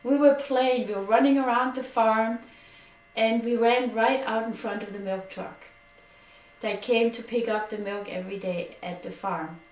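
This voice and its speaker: Middle-aged Danish woman, earnest testimony, fairly high voice, a little off-mic. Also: fairly even intonation, moderate pace, darkish tone. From Denmark. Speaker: personal testimony speaker. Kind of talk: personal testimony. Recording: echoey room, distant from mic.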